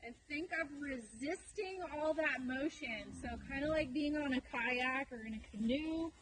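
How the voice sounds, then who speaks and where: A woman with a somewhat high voice coaches a horse rider mid-lesson. She gives brisk, projected commands in short, repeated phrases. Faint ambient noise surrounds her, and the voice can sound a little distant. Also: fairly bright tone. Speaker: horse riding instructor. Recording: noisy ambience, voice sometimes distant.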